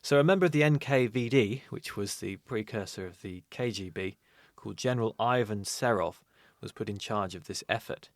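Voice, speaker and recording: A man co-hosting a history podcast, narrating events in a steady, measured way. His voice sits fairly low. The sound is dry and close. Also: no echo. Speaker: podcast co-host. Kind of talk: reading history notes in casual podcast.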